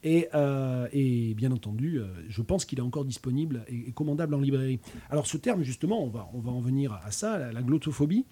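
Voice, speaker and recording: A man's voice: mid-range voice, animated, a little fast, dark tone, husky. A man in his fifties with a regional French accent, hosting a casual chat, hesitant, with many fillers and restarts. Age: 50s. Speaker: host.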